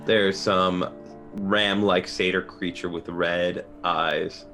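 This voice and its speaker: A man's voice: low-pitched, level tone, slow pace, sharp tone. A man speaking as game master, narrating and refereeing a horror tabletop game over music. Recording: music under the voice.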